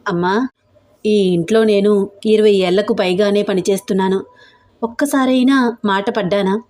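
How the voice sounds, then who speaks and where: Give me a woman playing a humble older house maid with a soft voice. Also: mid-range voice, fairly even intonation, normal speed, close to an everyday voice. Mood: hurt. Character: older loyal female house maid, hurt.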